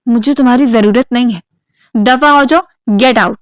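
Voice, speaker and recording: Woman narrator voicing a harsh, scolding thirties man, storybook reading, smooth and dry. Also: fairly high pitch, fairly even intonation, no echo, natural voice. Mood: bitter, angry. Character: angry ill divorced man in his thirties.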